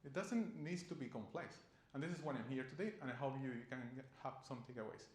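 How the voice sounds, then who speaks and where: Conference speaker: man, mid-pitched, earnest, recorded in a roomy hall. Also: expressive, fast talker. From Chile. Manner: earnest, loose non-native phrasing with restarts. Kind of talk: conference presentation. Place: conference room. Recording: echoey conference room.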